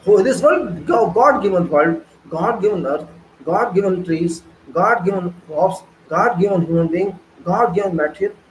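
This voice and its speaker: A man with a high-set voice lectures on engineering in an online class. He preaches more than he explains, firing off rhetorical questions and repeating key phrases for emphasis. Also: moderate pace, roomy sound, slight background noise, poor audio.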